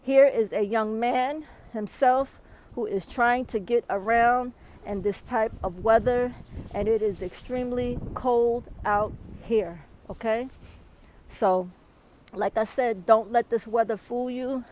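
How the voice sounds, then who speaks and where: A woman's voice: a little high, takes it slowly, a little mellow, poor audio. A woman, out of breath, filming a weather vlog outdoors in a snowstorm and often adding "okay?" to her emphatic advice. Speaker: vlogger.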